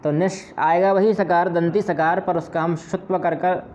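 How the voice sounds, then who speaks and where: A man's voice: sits high, fairly even intonation, measured pace, a little mellow. Man explaining grammar in a lesson. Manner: patient step-by-step explaining, repeating examples. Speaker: Sanskrit grammar teacher. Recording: slightly dull lo-fi audio with faint noise.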